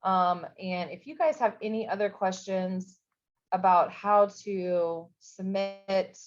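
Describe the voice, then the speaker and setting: A woman's voice: mid-range voice, takes it slowly, faint music behind. A woman running a recorded info session, talking casually with many fillers and restarts. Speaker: program coordinator. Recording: dull, lo-fi recording.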